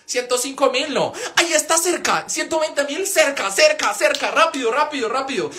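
A young man with a Bogotá Colombian accent chatting casually on a phone livestream, animated and full of swearing. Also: normal speed. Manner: animated, swears a lot, swings into loud high-pitched wails. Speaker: live streamer.

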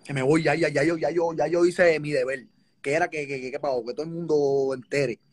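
A man on a live stream, excitable, shouting and cursing. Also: a little high, a little fast. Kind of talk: excited gossip chat. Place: hospital.

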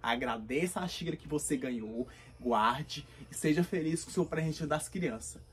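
A man's voice: on the high side, moderate pace, fairly bright tone, a little hiss or hum, natural voice. A man playing a poor, sentimental grandmother in a comedy sketch who coaxes and then scolds her grandson. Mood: scolding. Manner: doting, coaxing, then scolding. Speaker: comedy skit performer.

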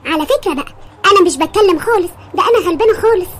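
A squeaky, rapid-fire little girl with an Egyptian accent, put on by a woman, chattering and teasing without pause. Her voice sits very high and races along, whiny and full of mischief, like a comic storybook skit. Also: animated, a bit bright, slight background noise. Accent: Egyptian Arabic. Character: cheeky little girl who never sleeps, mocking.

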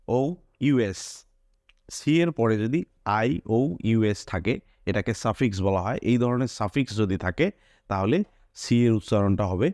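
A man's voice: fairly low pitch, a little mellow, no room sound, clean studio sound. A man teaching English pronunciation, repeating each example word several times and pointing things out. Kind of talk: spoken English pronunciation lesson.

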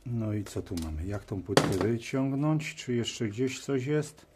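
With lively intonation and a slightly slow pace, a medium-pitched male video host mutters short phrases to himself as he works at a cluttered indoor bench, offering casual running commentary. Tools and parts click and clatter clearly in the background.

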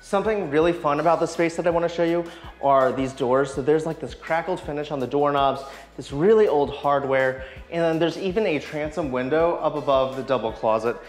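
A man's voice: a little high, a little fast, faint music behind. A man in his thirties hosting a walking tour of an old house, enthusiastically guiding viewers from room to room. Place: empty old house, indoor rooms.

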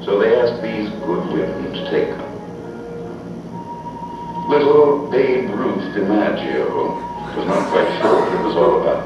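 A man's voice: low voice, recorded from a distance. Dramatic old newsreel narrator, a man. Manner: emphatic, declaiming. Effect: old newsreel soundtrack played back. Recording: lo-fi newsreel with music, played in a roomy hall from afar.

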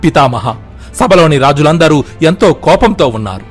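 A man's voice: a little high, expressive, normal speed, husky, soft background music. A man voicing a troubled, righteous king who pleads respectfully with an elder. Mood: worried.

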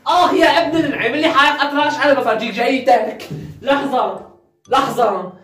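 A woman acting out a shouty family comedy skit, scolding loudly and switching between roles. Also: high voice, fairly even intonation. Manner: scolding, loud and quick. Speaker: comedy sketch performer. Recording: echoey room with faint music.

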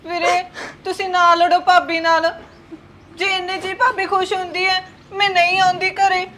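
An actress playing a gentle married daughter visiting her parents, soft-spoken and pleading with her brother and sister-in-law. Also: sits high, normal speed, a little hiss or hum. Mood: tearful.

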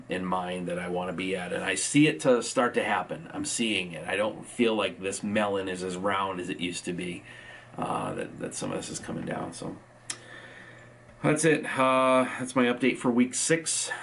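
A man with a very low voice talks loosely through a video diary update, filling pauses with ums and uhs. He sounds a little sleepy, as if it is early in the morning. A faint hiss sits under the recording. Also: creaky, a bit bright. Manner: rambling, frequent ums and uhs. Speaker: vlogger.

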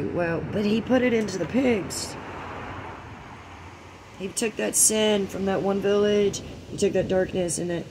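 A fairly high-pitched man with a gravelly, fry-laden voice rants to his camera, cursing constantly. He drops to a near whisper, then bursts out loud, and keeps firing preachy rhetorical questions. A faint air-conditioner hum sits underneath. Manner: swears heavily, swings from hushed murmur to loud outbursts. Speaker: vlogger. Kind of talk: ranting monologue.

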